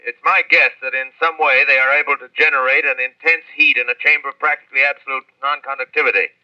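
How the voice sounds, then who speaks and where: A man playing a learned professor in a 1930s radio drama, speaking in deliberate, pedantic phrases. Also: mid-range voice, dry recording, close to an everyday voice. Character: learned, measured male scientist professor giving an eyewitness explanation. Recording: distant, dull old radio line.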